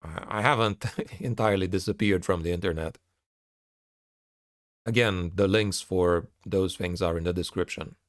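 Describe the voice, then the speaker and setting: A man's voice: low voice, moderate pace, dry recording, clean studio sound. A man giving a candid spoken update to his viewers, talking in a frustrated, sardonic way as an online creator. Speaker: online narrator and content creator.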